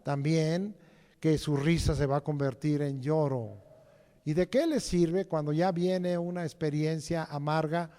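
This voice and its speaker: Slow preacher in a reverberant hall. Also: male voice, on the high side, fairly even intonation, warm tone. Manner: rhetorical, repeats phrases and asks "right?". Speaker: lay preacher. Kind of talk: sermon. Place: church during Sunday service.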